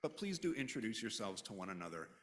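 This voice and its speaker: A man's voice: fairly low pitch, big pitch swings, fast talker, fairly bright tone. A man leading a religious service, giving conversational announcements with informal, joking asides. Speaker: service leader. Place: congregation's worship hall. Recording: long hall reverb.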